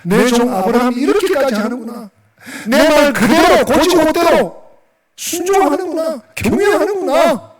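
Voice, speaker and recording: A man's voice: extremely high pitch, animated, moderate pace, pitched above the performer's own voice. God as a stern scolding father, put on by a male pastor. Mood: moved. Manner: exasperated scolding with rhetorical questions. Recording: echoey church hall, distant mic.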